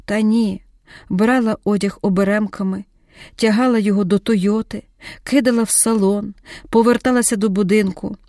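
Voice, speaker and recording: A woman reading a dramatic audiobook in a measured, vivid storytelling voice. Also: medium pitch, fairly even intonation, warm tone, no echo, clean studio sound. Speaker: audiobook narrator.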